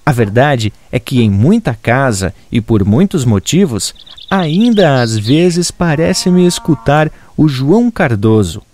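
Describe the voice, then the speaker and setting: Brief: male folk storyteller, animated, mid-pitched. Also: slow pace, slight background noise. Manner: expressive, rhythmic storytelling. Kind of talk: regional folk tale narration.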